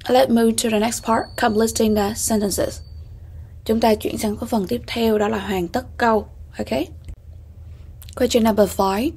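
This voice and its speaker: A woman teacher with a Vietnamese accent, going slowly and methodically through an exam-prep lesson, repeating key words and checking in with "ok ha". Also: fairly high pitch, steady tone, darkish tone, slightly rough. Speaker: English teacher.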